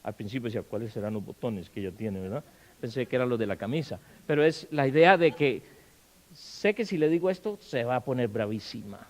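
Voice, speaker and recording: A man preaching a sermon in a church, firing questions at the congregation and acting out quarrels in loud bursts. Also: mid-range voice, animated, a little fast, rough recording. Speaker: pastor. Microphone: handheld or stand mic.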